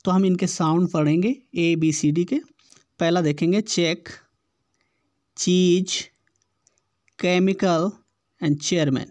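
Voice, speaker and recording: A male teacher giving an exam-prep lesson at an unhurried, deliberate pace. He reads each question slowly, then repeats the words so listeners can say them with him. The sound is dry and close, with no room around the voice. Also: high-pitched, steady tone, darkish tone, no echo.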